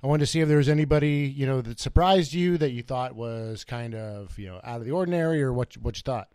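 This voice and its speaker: Guy co-hosting a football podcast, rambles and restarts a lot, mid pitch, dry sound. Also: fast, a little mellow, clean tone, no room sound. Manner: loose, rambling, many restarts. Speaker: podcast co-host. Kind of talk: casual sports podcast chat.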